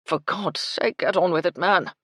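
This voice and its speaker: A woman narrator voicing a grief-stricken aristocratic widower with a hoarse voice. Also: deep voice, very animated, moderate pace, no room sound, clean studio sound, full character voice. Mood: anguished. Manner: anguished, breaking outbursts.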